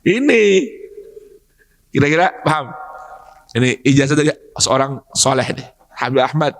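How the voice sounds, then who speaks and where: A man giving a dawn sermon in a mosque, teasing the congregation with questions and bursting into loud emphatic shouts. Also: medium pitch, expressive, measured pace, vocal fry. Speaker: preacher.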